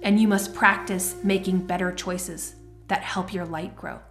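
Woman voicing a stern wise mentor woman, calm, firm, storybook, soft music behind. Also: lowish voice, a little slow. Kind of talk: storybook reading.

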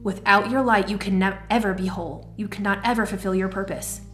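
A woman voicing a wise, stern female mentor in a storybook reading, speaking in a calm, firm, measured way. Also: medium pitch, faint music behind, natural voice.

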